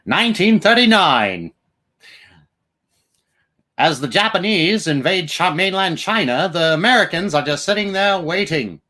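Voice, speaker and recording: A brash old newsreel announcer, as a man puts him on, pitched well above his natural voice and loud. He declaims in a dramatic, booming style, like an old newsreel. His speaking voice has a lively, swooping melody. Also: unhurried, exaggerated voice. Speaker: livestream host.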